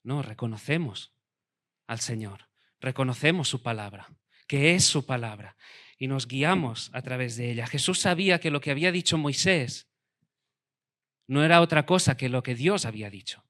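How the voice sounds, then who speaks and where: A man preaching a sermon as pastor, emphatic, dropping to a quiet tone for weight. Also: medium pitch, animated, normal speed.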